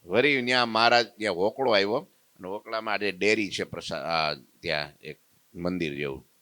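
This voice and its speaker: Lively preacher telling a story. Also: male voice, deep voice, normal speed, dry recording. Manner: lively, acts out the story's characters in their voices. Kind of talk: devotional storytelling sermon.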